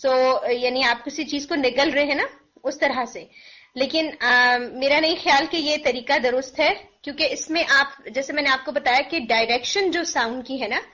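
A woman's voice: high voice, sharp tone. A woman teaching recitation pronunciation, patient, drawing out sounds to demonstrate, with a sore throat. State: sore throat, clearing it often. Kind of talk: online pronunciation lesson. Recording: dull lo-fi recording.

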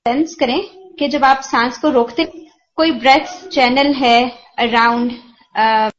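A woman's voice: high voice, fairly even intonation. A woman teacher giving patient, detailed feedback on Quran recitation, explaining pronunciation step by step. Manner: patient, explanatory, mixes English terms. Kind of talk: tajweed feedback lesson. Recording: dull lo-fi audio with faint hiss.

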